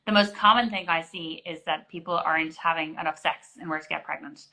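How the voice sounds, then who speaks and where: A woman's voice: deep voice, a little fast, bright, forceful tone, poor audio. A woman in her forties, a GP, answering interview questions in an explanatory way with many restarts. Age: 40s. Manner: explanatory, frequent restarts and fillers.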